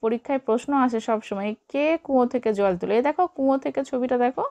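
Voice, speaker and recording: A woman tutor giving a children's reading lesson, reading slowly and carefully and drilling questions and answers. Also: on the high side, warm tone. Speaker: online tutor. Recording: dull lo-fi sound.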